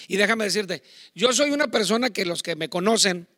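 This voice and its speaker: A middle-aged man with a Mexican accent preaching a sermon on marriage, talking loudly in a chatty, digressive way with asides. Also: sits high, lively intonation, fairly quick, dry recording, clean studio sound. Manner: loud, self-admittedly talks shouting. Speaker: pastor. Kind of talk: sermon on marriage to online viewers.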